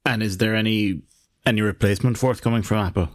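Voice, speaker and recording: A man with a lowish voice on a casual tech podcast, chiming in with brisk follow-up questions and short replies. His voice sounds dry, with no room echo. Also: steady tone. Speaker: podcast co-host.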